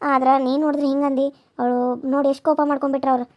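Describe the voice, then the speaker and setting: A woman voicing a high, quick young village girl with a North Karnataka accent. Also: flat delivery, darkish tone, dry recording, dull audio, natural voice. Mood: coaxing. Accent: North Karnataka Kannada. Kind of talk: cartoon serial voice acting.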